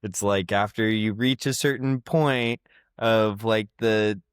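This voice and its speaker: A man's voice: on the low side, steady tone, slow pace, smooth, dry recording, studio quality. A young man in his twenties telling casual, rambling stories as a podcast co-host, with plenty of fillers. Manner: rambling storytelling with many fillers. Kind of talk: casual chat.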